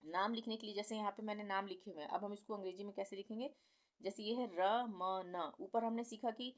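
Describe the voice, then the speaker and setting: A woman teaching the alphabet in a slow, patient way, spelling out sounds and repeating each one. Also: medium pitch. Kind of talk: Hindi alphabet lesson at a board.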